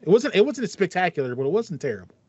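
Talking at a quick pace, this thirty-something man hosts a casual podcast chat, thinking aloud and repeating himself. His voice sits high and sounds husky and darkish, with big pitch swings. He's indoors in a small home room with foam panels, and the dry recording has a dull, lo-fi voice-call quality.

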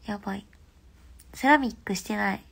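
A young woman with a stuffy nose, chatting casually on a phone livestream and often dropping into soft half-whispers. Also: mid-range voice, moderate pace, vocal fry, slightly rough. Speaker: livestream host.

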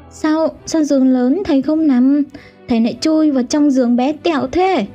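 A woman's voice: medium pitch, mellow, husky. A woman host giving scripted, dramatic narration of a ghost story. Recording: dull lo-fi audio with faint music.

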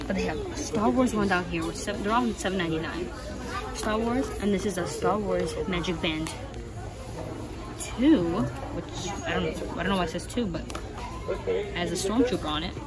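A woman's voice: lowish voice, normal speed, low-quality recording. Chatty young woman in a busy store. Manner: chatty, listing prices, gushing over items. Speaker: vlogger. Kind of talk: casual shopping walkthrough. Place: indoor retail store. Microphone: handheld phone camera. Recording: busy store with crowd noise. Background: store crowd chatter.

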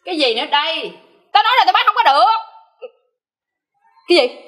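An actress playing a bickering street-vendor older sister in a comic family melodrama, brassy and quick to argue. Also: female voice, very high voice, very animated, over loud music.

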